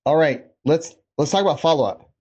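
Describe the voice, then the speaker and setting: On the high side and a bit breathy, this man's darkish voice has lively intonation and runs a little fast. He checks in with participants during a casual group coaching video call, sounding informal and encouraging, over dull, lo-fi audio.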